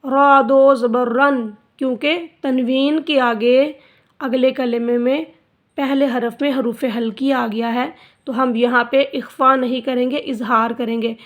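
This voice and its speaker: A woman teaching Quran recitation, spelling out letters and vowel marks, then drawing out each word slowly for the learner. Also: high-pitched, steady tone. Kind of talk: slow spelled-out recitation lesson.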